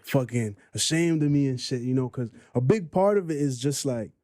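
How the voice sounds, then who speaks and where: A man from Trinidad, a guest musician, talking quickly and reflectively in a casual podcast chat, with plenty of fillers. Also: medium pitch, animated, mellow, no room sound, clean studio sound. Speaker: guest, music group member.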